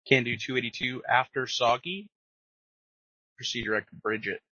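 A man's voice: mid-range voice, moderate pace, bright, forceful tone, husky, no echo. A man giving procedural instructions as an air traffic controller over radio. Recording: muffled dry aviation radio.

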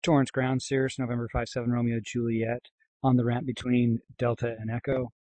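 A man speaking as a pilot, reading back clearances and making calls in aviation phraseology. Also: mid-range voice, flat delivery, a little fast, dark tone, dry recording. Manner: frequent throat clearing. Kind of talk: aviation radio readbacks.

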